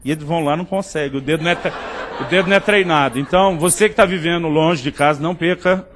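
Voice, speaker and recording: A man's voice: fairly high pitch, fast talker, a bit bright, a little hiss or hum. A Brazilian man with a Brazilian Portuguese accent, preaching a humorous sermon full of stories and asides to his listeners. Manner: jokey, addresses listeners as "querido".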